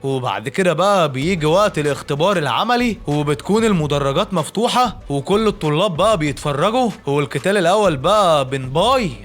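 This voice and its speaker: A man's voice: a little high, lively intonation, fast, a bit bright. A man with an Egyptian accent narrating an anime recap in a chatty, joking way, talking straight to the listener. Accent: Egyptian Arabic. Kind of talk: fast casual storytelling recap.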